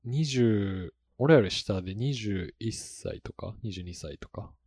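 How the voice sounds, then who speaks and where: A man's voice: fairly low pitch, lively intonation, slow pace, a little mellow, husky, no room sound, studio quality. A man co-hosting a casual podcast chat, rambling a little and chuckling often between thoughts. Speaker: podcast co-host.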